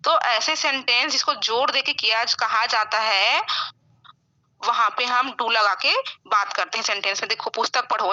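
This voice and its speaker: Woman teacher doing an online english class, high sharp voice, keeps checking the kids follow, muffled lo-fi audio. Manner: explains grammar rules, frequently checks in with "है ना?".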